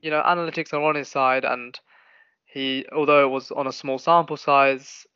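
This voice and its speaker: A man hosting a football podcast, thinking out loud and putting hypotheticals to his guests. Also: medium pitch, fairly even intonation, moderate pace, clean tone, dry recording. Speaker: podcast host. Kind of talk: casual football chat. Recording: dry, dull lo-fi mic.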